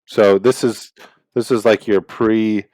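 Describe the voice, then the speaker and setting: A man's voice: fairly low pitch, steady tone, slow, darkish tone, dry recording, low-quality recording. A man co-hosting a podcast, joking around with playful interjections. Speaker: podcast co-host. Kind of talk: casual chat.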